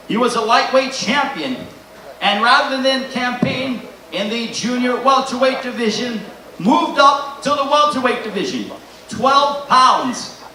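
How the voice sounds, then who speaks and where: A man's voice: very high-pitched, sharp tone. A man hosting a boxing press conference, introducing fighters with a showy ring-announcer delivery. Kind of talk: boxing promotional introduction to an audience. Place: large echoey press conference room. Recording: echoey hall, distant mic, faint noise.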